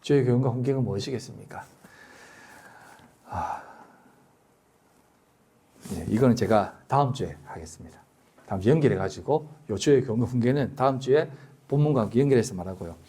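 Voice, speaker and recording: A man's voice: mid-range voice, a little fast, long pauses, slight background noise. A middle-aged man, a pastor giving a sermon, telling stories and acting out quotes with laughter. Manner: storytelling with lively acted-out quotes and laughter.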